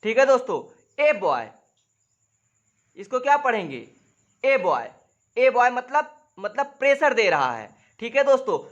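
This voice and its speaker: A man teaching English grammar in a lesson, who keeps calling the viewers "friends", asks if they follow, and spells out example sentences slowly, word by word. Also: extremely high pitch, very animated, fairly bright tone, highs cut off. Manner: repeats "dosto" and "theek hai" constantly, drawing on a board. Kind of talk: classroom-style grammar lesson.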